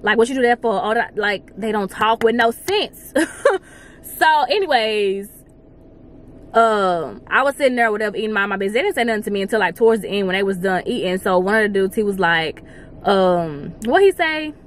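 Here a vlogger speaks in a mid-range voice at a fairly quick clip. Parked in her car, she addresses the dash camera in relaxed chat, spinning a lively story and talking with her hands.

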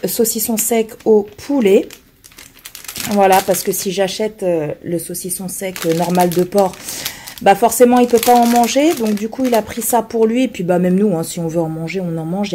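A woman who is hoarse from being ill, chatting casually to camera as she shows her groceries, rambling with many fillers and restarts. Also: mid-range voice, dark tone, slight background noise. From France. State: hoarse from illness. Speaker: vlogger showing her groceries.

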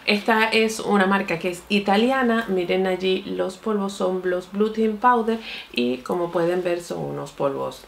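A young beauty vlogger chats excitedly as she tries out new makeup at her vanity. Her voice sits on the low side and is gravelly with vocal fry. She keeps calling out to her viewers as she talks. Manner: chatty and excitable, often says "mi amor" and "señores". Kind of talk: casual makeup review and tutorial.

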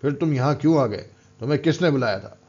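A man's voice: medium pitch, quick pace, slightly rough, lightly acted. A man voicing a sick, distraught young man who speaks in a pleading, desperate way, in a storybook reading. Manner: faint, pleading, then shouting. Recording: dull lo-fi recording.

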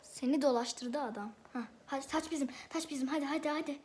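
A woman's voice: high-pitched, fast. A woman hosting a gameplay video, talking through her own football match as she plays, exclaiming at passes and arguing with the referee. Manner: excitable, exclaims and argues with the referee. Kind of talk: live football game commentary.

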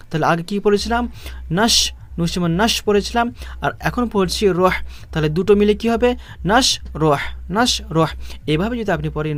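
A man teaching Quran reading with a Bangladeshi Bengali accent, patiently spelling out each syllable and repeating it slowly for learners. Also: on the high side. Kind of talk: step-by-step spelling lesson.

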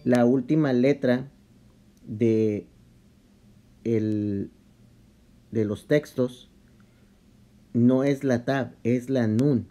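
A man explaining a Bible study in a casual vlog, talking halting and conversational with many restarts and English slang mixed in. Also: mid-range voice, fairly even intonation, mellow. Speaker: vlogger.

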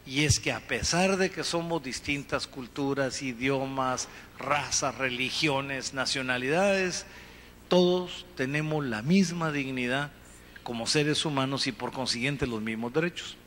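A man's voice: on the high side, fairly bright tone. Earnest Guatemalan man in a reverberant hall. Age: middle-aged. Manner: earnest, measured, gesturing with his free hand. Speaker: panel speaker. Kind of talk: conference panel talk. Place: conference hall stage. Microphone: handheld microphone. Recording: reverberant hall, faint room noise.

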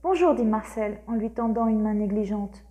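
A woman narrating a literary audiobook in a measured, expressive way. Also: mid-range voice. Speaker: audiobook reader.

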